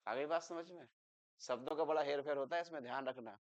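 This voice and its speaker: A man teaching an English grammar lesson in Hindi, explaining with English examples and turning loud and emphatic when he makes a point. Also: fairly high pitch, fast talker, lo-fi sound. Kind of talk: classroom lecture.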